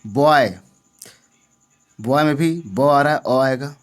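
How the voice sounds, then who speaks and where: A man's voice: medium pitch, takes it slowly, clean tone. A man teaching an English grammar lesson, often asking the viewer questions and checking that they understand. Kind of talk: classroom-style lesson.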